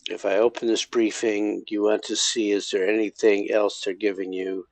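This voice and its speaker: A man's voice: on the low side, level tone, normal speed, a little mellow, no echo. A man casually commenting on his gameplay as a streamer, thinking aloud with frequent restarts. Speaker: game streamer.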